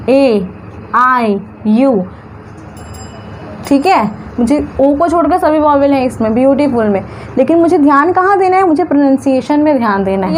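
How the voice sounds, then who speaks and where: A woman with a high voice teaches a grammar lesson at an easy pace. She sounds words out slowly, syllable by syllable, and answers her own questions. A faint hum of traffic sits behind her. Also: darkish tone. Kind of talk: classroom-style grammar lesson.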